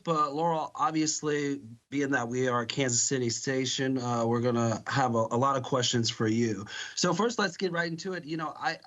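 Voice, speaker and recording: An American man asks questions as a local television interviewer. His voice is somewhat higher than most men's. The audio is a little muffled, as on a broadcast link. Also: a bit bright.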